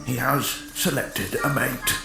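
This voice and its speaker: A man giving a mock-serious nature documentary narration in formal, measured phrases. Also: mid-range voice, steady tone, gravelly, echoey room. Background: music.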